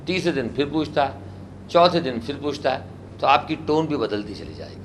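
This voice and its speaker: A man's voice: mid-range voice, big pitch swings, moderate pace, slight background noise. A man from India teaching a spoken English class, quizzing students and drilling repetition. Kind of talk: classroom language lesson.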